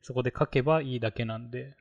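A man's voice: medium pitch, fairly even intonation, fast talker, vocal fry, dull audio. A man chatting casually about tech on a podcast, rambling with many fillers. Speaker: podcast co-host.

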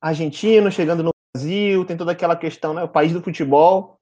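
Hosting a podcast in a relaxed, chatty style, this Brazilian Portuguese–accented man frequently checks in with tag questions. His voice is fairly high and a little mellow, with fairly even intonation and a slightly fast pace. The audio sounds dull.

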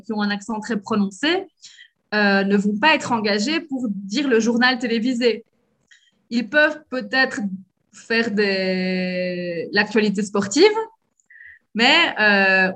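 A woman from Belgium with a softened Liège accent, explaining her views in a casual conversation with frequent hesitations. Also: fairly high pitch. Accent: Belgian French, from Liège, softened.

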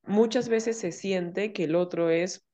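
A woman's voice: medium pitch, takes it slowly. A woman therapist, explaining ideas in a casual podcast conversation and often acting out quoted dialogue. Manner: explanatory, acts out quoted dialogue in lively voices.

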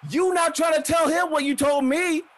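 A man voicing a proud, furious woman wrestler who calls herself a warrior goddess, shouting indignantly. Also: on the high side, drawn-out words.

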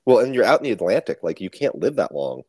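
A man's voice: lowish voice, sing-song, fast, a little mellow, dry recording, studio quality. A young man co-hosting a casual podcast, chatting about history and joking with his co-host. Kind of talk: casual chat.

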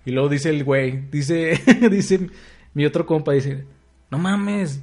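A young man with a Mexican accent, co-host of a casual podcast. His voice sits a bit high, and he tells stories full of slang, laughing and acting out the lines of others. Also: takes it slowly, darkish tone. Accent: Mexican Spanish. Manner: slangy, laughs often, acts out quotes. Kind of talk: casual chat.

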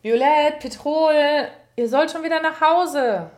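A woman voicing an adult who calls the children home from a distance, high and loud. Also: slow pace. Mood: urgent. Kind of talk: children's story reading.

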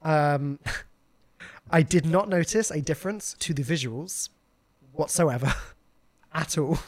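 A man's voice: on the high side, takes it slowly, no room sound. A man hosting a live podcast, chatting casually, laughing often and talking with lots of fillers and restarts. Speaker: podcast host.

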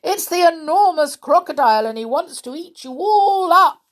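A woman voicing a big, bold male elephant in a storybook, bellowing loud commands. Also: on the high side, big pitch swings, takes it slowly, heavily acted.

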